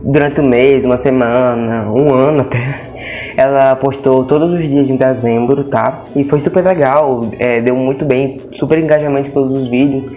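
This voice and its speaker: A man's voice: medium pitch, steady tone, normal speed, mellow. A man with a Brazilian Portuguese accent hosting a casual podcast, chatty and repeating little checks to the listener. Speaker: podcast host.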